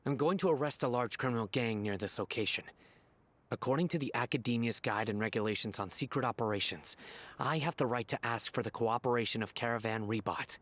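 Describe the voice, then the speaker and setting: An actor playing a stern, disciplined general in a video game, with a formal, serious, measured manner. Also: male voice, medium pitch, a bit bright, close to an everyday voice. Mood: commanding.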